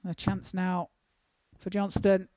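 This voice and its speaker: A woman's voice: mid-range voice, flat delivery, takes it slowly, dark tone, slight background noise. A woman giving conversational live commentary on a darts match.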